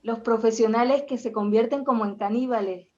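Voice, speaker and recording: A woman in her forties from Venezuela with a Venezuelan accent, sharing a measured, hesitant comment as a participant. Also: fairly high pitch, lo-fi sound. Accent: Venezuelan Spanish. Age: 40s. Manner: measured, hesitant, with many fillers. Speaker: audience participant, accountant. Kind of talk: conversational comment.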